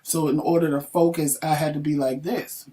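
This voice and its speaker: A man co-hosting a casual talk show, telling stories with animated, profane acted-out quotes. He sits a little back from the microphone, so his voice sounds slightly distant. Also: a little high, moderate pace. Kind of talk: casual chat.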